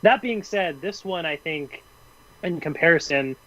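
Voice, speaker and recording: Higher-voiced man, hedging podcast chat. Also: a little slow, sharp tone. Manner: hedging, thinks aloud with many "I think" and "you know". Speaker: podcast co-host. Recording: dull, muffled sound.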